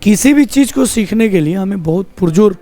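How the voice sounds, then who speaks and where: A man's voice: high-pitched, expressive, mellow. A man teaching a class, drilling vocabulary and quizzing students, saying each word again and again. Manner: repeats words slowly, quizzes the students. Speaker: English teacher.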